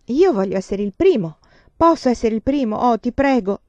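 Woman reads an excitable little boy, high and pleading, storybook voice, slightly dull recording. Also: moderate pace, dry recording. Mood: eager. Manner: pleading, impatient, high-pitched.

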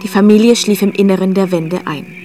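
A woman giving a scripted, expressive storybook narration in a measured way, recorded in a studio. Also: medium pitch, faint music behind.

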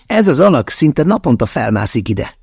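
A man voicing an excitable male hiker in an audiobook, with an eager, exclaiming manner. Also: mid-range voice, vocal fry, slightly rough, no echo, clean studio sound, pitched above the performer's own voice, heavily acted. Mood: excited.

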